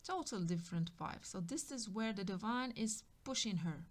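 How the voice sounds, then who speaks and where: Giving a spiritual tarot reading, a woman speaks at a moderate pace with lively intonation in a mid-range voice. Her delivery is musing and repetitive, and at times she lowers it to a whisper.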